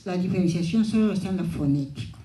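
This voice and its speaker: A woman's voice: on the low side, fast, warm tone, echoey room, rough recording. A woman from southern Ayacucho in Peru, a native Quechua speaker, giving a reflective, anecdotal conference talk. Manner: reflective, anecdotal, with frequent restarts. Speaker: panelist.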